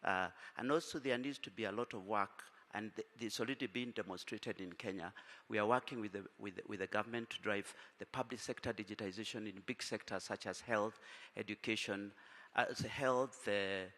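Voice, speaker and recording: Low-voiced man answering on a panel. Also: a little fast, bright, forceful tone. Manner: businesslike, many fillers and restarts. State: tired from little sleep. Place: conference hall. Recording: reverberant conference hall.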